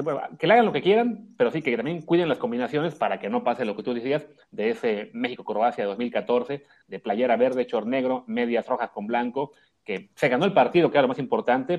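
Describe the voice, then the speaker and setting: Fast-talking man. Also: mid-range voice, darkish tone, dull audio. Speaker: sports panelist. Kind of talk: casual sports chat.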